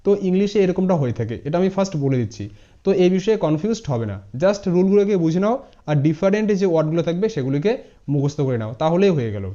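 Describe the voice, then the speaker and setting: A man's voice: fairly high pitch, animated, very fast, warm tone. A man teaching English pronunciation in a spoken tutorial lesson, spelling words letter by letter and repeating each word. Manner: addresses viewers informally, mixing English words into Bengali. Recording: dull lo-fi sound.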